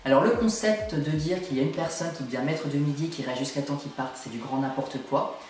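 A man's voice: on the high side, a little fast, darkish tone. A young man giving an emphatic, exasperated opinion rant to camera, complaining as he goes. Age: young adult. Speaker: video blogger. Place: small indoor room at home. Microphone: camera at a short distance. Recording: very echoey room, distant microphone.

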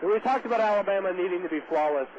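A man's voice: high-pitched, fast talker, over a noisy crowd. A man with a Boston accent doing upbeat, jokey play-by-play radio commentary of a gymnastics meet. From Boston area. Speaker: play-by-play announcer. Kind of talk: live radio sports commentary. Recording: dull noisy radio broadcast.

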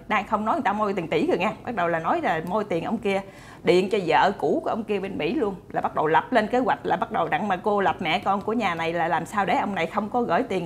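A woman's voice: medium pitch, a little hiss or hum. A woman retelling a story to her viewers in a chatty, casual way, full of fillers and repeated words. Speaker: storyteller host.

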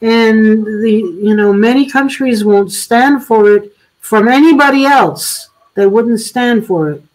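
An older woman with a slightly high voice hosts a casual political discussion over a video call. She's thoughtful and halting, often restarting her sentences, and the recording quality is low.

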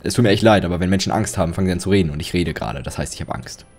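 A man's voice: low-pitched, very fast, darkish tone, slightly rough, soft background music. A young man commentating a horror game, jittery and rambling, joking and yelping when startled. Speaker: let's play commentator.

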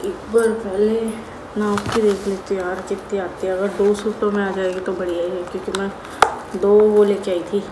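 A woman's voice: medium pitch, level tone, echoey room, heavy background noise. A young woman vlogging casually, thinking aloud as she measures fabric and lace. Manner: musing aloud while measuring fabric, soft and unhurried. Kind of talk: casual vlog talk to camera.

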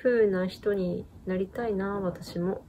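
A woman's voice: mid-range voice, steady tone, slow pace. Casual knitting-channel host, a woman, rambling chat with a faint background hiss. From Japan. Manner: rambling, chatty, frequent fillers and little laughs.

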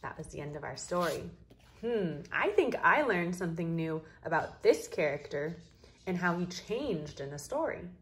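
A woman teaching first graders in a recorded reading lesson, speaking clearly and encouragingly. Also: lowish voice, very animated, moderate pace, echoey room, slight background noise.

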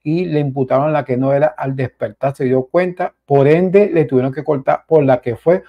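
A man's voice: medium pitch, steady tone, normal speed, muffled recording. A man giving casual, emphatic news commentary, often repeating himself and speaking directly to his viewers. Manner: emphatic, repetitive, keeps addressing viewers as "señores".

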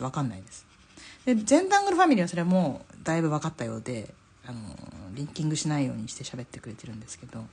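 A woman's voice: sits low, darkish tone, slight background noise. A middle-aged woman from Japan, a drawing teacher hosting a live stream, chatting casually while she draws, laughing often and reading out viewer comments. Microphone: phone or camera mic on a live stream.

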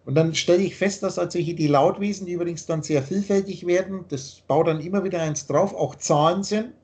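Guy with a highish voice lecturing over a video call, earnest, keeps repeating himself. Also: brisk, darkish tone. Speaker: teacher explaining his teaching. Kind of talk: explanatory monologue in a video call.

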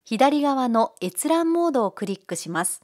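A woman giving calm, polite, step-by-step narration for a software tutorial. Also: high-pitched, normal speed. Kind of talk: scripted screencast narration.

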